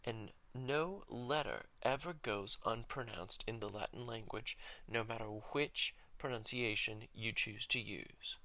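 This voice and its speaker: A man giving a video lesson on Latin, speaking in a measured, careful way and slowing down to spell out Latin words. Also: mid-range voice, creaky, pushed and bright, no echo. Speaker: Latin teacher.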